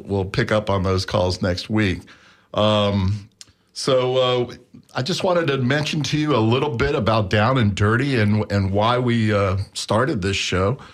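Low-voiced man hosting radio. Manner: halting, many fillers and restarts. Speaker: radio talk show host. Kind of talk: casual radio chat. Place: radio studio. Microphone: studio microphone.

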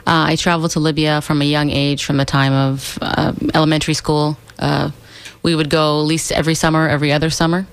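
An American woman, a political and community organizer, answering questions as a guest in a radio studio in an articulate, steady way. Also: low voice, a little fast, clear, resonant tone, no room sound. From United States.

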